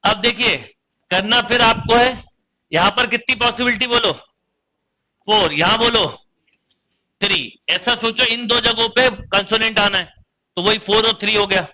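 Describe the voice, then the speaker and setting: Bright-voiced Hindi-accented male math teacher. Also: high voice, unhurried, long pauses, muffled recording. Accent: Indian Hindi. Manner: addresses students as beta, counts aloud step by step. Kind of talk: online coaching lecture.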